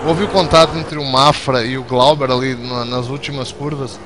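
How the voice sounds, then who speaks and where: A man's voice: medium pitch, steady tone, moderate pace. A man commenting on a motor race as an analyst, in a conversational style. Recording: noisy, car engine noise behind.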